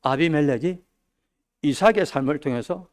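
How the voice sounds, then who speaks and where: A man preaching a midweek sermon, dropping his voice low and then rising loud. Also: moderate pace. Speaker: pastor. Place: church sanctuary.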